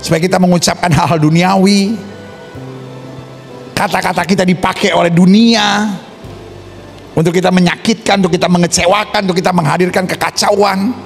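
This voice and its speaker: A male pastor giving a lively sermon, asking the congregation questions and acting out small scenes in put-on voices. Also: sits high, moderate pace, gravelly, long pauses, soft background music.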